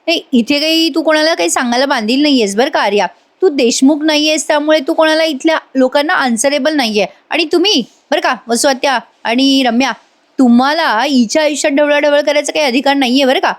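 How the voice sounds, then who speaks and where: A woman voicing a sharp-tongued young woman who scolds everyone, in an acted serial recap. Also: sits high, fairly quick, pitched above the performer's own voice, natural voice. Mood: indignant.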